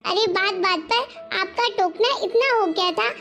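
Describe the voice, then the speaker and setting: A woman voicing a fed-up young daughter-in-law in an animated family story, sharp and complaining. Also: very high-pitched, unhurried, over music. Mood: angry.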